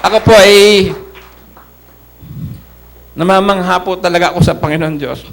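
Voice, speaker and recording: A man's voice: high-pitched, normal speed, gravelly. A middle-aged man from the Philippines giving an earnest church testimony, addressing the congregation as brothers and sisters.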